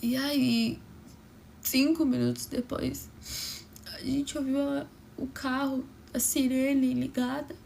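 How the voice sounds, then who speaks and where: A young woman with a high, gravelly voice tells a personal story, dropping often into a soft whisper. Her delivery stays emotional and close. A light hiss of noise lies under it. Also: level tone, slow pace.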